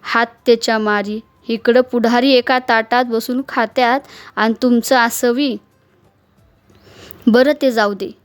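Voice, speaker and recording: A woman's voice: on the high side, steady tone, unhurried, smooth, dry recording, lightly acted. A woman voicing a shrewd middle-aged male market clerk who questions people, over faint music. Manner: questioning, rustic village speech.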